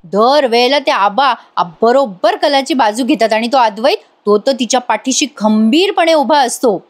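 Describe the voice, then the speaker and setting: A woman's voice: fairly high pitch, lively intonation, normal speed, lightly acted. A woman voicing a bitter young wife who taunts and scolds her husband, in a soap recap. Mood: scornful.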